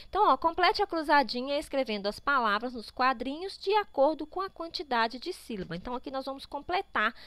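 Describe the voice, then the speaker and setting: A woman's voice: high-pitched, fairly bright tone, clean tone, no echo. A woman teaching young pupils with a Brazilian Portuguese accent, patiently walking through a workbook, drawing out words to sound out syllables and often checking in with the children. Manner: constant tag checks to pupils. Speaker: primary school teacher. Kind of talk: remote class walkthrough of a workbook.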